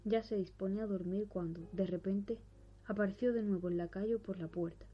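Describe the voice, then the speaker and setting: A woman with a breathy voice reading a horror story in a measured, solemn way. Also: mid-range voice, steady tone. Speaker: narrator. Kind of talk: scripted narration of a horror story. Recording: dull recording with faint music.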